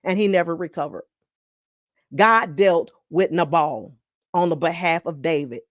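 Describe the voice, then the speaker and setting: A woman host giving an inspirational devotional talk in a fast, exhorting, preachy manner. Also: on the low side, dry recording, clean studio sound.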